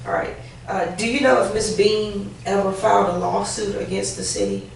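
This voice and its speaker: A woman's voice: mid-range voice, animated, moderate pace, vocal fry. Woman questioner in an echoey room. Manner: probing, repeats questions for confirmation. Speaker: hearing questioner. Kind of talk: formal questioning. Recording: echoey room, distant mic, faint noise.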